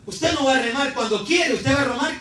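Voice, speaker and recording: High-voiced preacher in an echoey church. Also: male voice, fairly quick, a little hiss or hum. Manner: animated preaching, shouting refrains, calls for responses. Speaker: pastor. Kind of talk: sermon. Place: church sanctuary. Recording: echoey church hall, mic at a distance.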